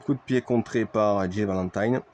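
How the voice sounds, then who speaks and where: A man's voice: lowish voice, normal speed, darkish tone. A man giving play-by-play wrestling commentary on a video game match, speaking to his viewers like a ringside commentator with repeated exclamations.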